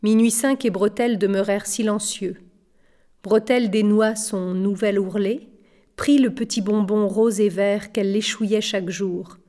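A woman narrating a children's storybook in a gentle, measured way. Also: mid-range voice, steady tone. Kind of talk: audiobook narration.

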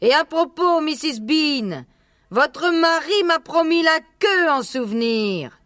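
A man reading aloud and voicing a fat, fussy female cook, in a slow falsetto. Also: lively intonation, sharp tone, dry recording, studio quality, heavily acted. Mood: fussing. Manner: slow, sing-song falsetto.

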